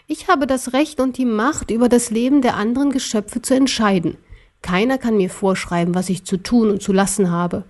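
A woman's voice: a little high, darkish tone, close to an everyday voice. Woman playing a scornful ancient emperor. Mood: gloating. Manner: slow, scornful and gloating. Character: arrogant ancient male emperor, cruel and cold. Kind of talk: audiobook character voice.

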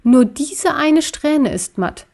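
A woman voicing Wuff, a small, timid male stuffed-toy dog in a storybook, speaking in a hushed, uneasy way. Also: sits high, lively intonation, takes it slowly, pitched above the performer's own voice, full character voice.

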